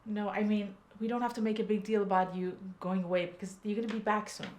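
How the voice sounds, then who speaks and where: Middle-aged mom for family drama female actor: medium-pitched, weary, evasive, gently firm delivery. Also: level tone, fast, close to an everyday voice. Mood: placating, firm. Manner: placating, firm, dismissive. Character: weary, evasive, stubborn mother of a grown son. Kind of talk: naturalistic film drama dialogue.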